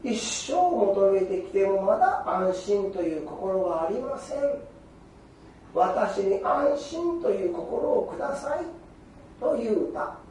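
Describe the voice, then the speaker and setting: An older man with a giving a Buddhist sermon in an animated storytelling manner, acting out quoted exchanges. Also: high voice, slow pace, a little hiss or hum. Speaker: Buddhist preacher. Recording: echoey hall from far off.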